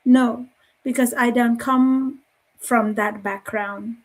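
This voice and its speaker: A woman in her forties from Nepal with a Nepali accent, speaking as a guest on a live online panel, halting, with many fillers and restarts. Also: on the high side, fairly even intonation.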